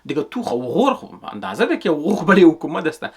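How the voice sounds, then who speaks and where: A man's voice: a little high, very animated, darkish tone, breathy edge. A man speaking Dari with a Hazaragi accent, giving an emphatic, repetitive political commentary on his channel.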